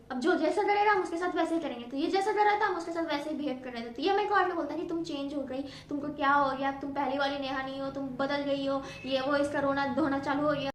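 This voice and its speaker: A young woman telling a personal story in a casual vlog, animated, mixing Hindi and English and imitating others. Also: high-pitched, reverberant, slight background noise. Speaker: storytime vlogger.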